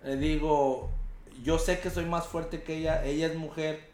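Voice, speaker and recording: A young man with a Mexican Spanish accent, telling an animated, slang-heavy story in casual chat and acting out the quotes. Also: fairly high pitch, a little slow, reverberant, over a noisy crowd.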